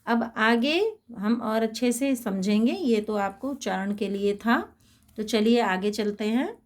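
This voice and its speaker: A woman teaching a Sanskrit lesson to schoolchildren. She is patient and spells out words slowly, repeating them. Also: a little high. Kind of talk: slow explanatory lesson for schoolchildren.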